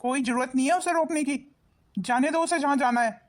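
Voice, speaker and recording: A woman's voice: high-pitched, brisk, natural voice. A woman voicing a patient elderly father-in-law in a cartoon, reasoning and mildly chiding.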